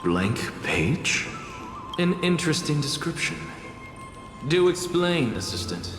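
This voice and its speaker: Casting: pompous, exacting game professor; unhurried, withering delivery in a reverberant space, music underneath. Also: male voice, on the high side, big pitch swings. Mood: disdainful. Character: haughty, exacting male professor and renowned scholar. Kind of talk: dramatic video game voice acting. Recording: echoey long reverb with music behind.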